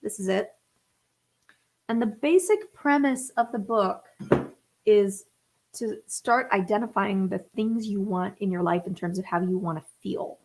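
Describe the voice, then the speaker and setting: A woman's voice: medium pitch, a little slow, a little mellow, slight background noise. A woman in her thirties chatting casually on a live stream, thinking aloud with fillers and restarts. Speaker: singer-songwriter livestream host. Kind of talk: casual livestream chat. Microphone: webcam or phone on a live stream.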